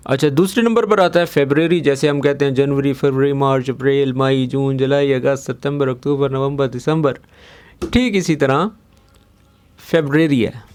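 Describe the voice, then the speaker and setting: A man's voice: on the high side, darkish tone. A young man, teaching a casual language lesson and patiently repeating each word several times. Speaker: Arabic teacher.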